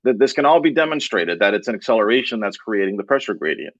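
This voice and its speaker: A man in a heated online debate, explaining his point at a quick clip. His dry voice comes through a dull, lo-fi mic. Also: fairly low pitch, lively intonation, no echo. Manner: explanatory, lecturing.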